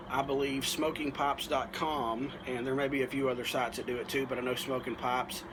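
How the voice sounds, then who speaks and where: A man giving a casual video review as a pipe tobacco reviewer, talking in a folksy, unhurried way with pauses as he explains. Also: medium pitch, noisy background.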